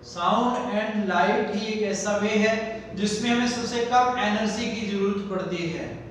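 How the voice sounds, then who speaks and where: A man's voice: sits high, measured pace. A male teacher giving a classroom lecture, drawing out and repeating key words and asking rhetorical questions. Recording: echoey hall, distant mic, faint noise.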